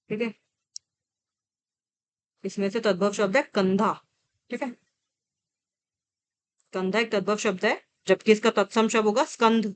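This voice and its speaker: A woman teaching an exam-prep vocabulary lesson, reading word lists slowly with coaxing asides to students. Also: mid-range voice.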